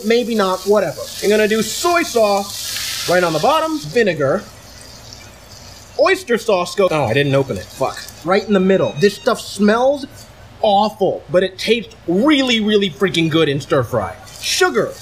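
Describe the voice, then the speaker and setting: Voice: mid-range voice, a little hiss or hum. A brash, playful, tipsy cooking host giving casual, sweary step-by-step instructions. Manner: tipsy, drunk. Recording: music behind, sizzling pan. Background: music and frying sizzle.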